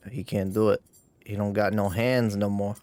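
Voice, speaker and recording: A man's voice: lowish voice, fairly even intonation, moderate pace, background noise. A man livestreaming a game, making casual, amused, laid-back remarks on what happens. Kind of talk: casual reactions to gameplay. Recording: faint game music behind the voice.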